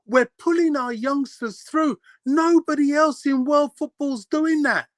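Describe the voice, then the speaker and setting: A man's voice: very high-pitched, unhurried, no room sound. A man co-hosting a football fan show, ranting passionately in casual chat. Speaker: co-host.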